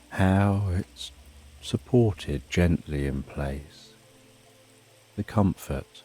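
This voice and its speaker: Very deep, slow-talking male sleep narrator. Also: husky. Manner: soothing, unhurried, hushed delivery. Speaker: sleep story narrator and host. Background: soft music and rain.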